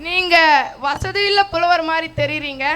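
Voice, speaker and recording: A woman's voice: very high voice, normal speed, sharp tone. A woman playing a poor, greedy male poet in a stage play, whiny and sarcastic as he pleads with the gods for gold.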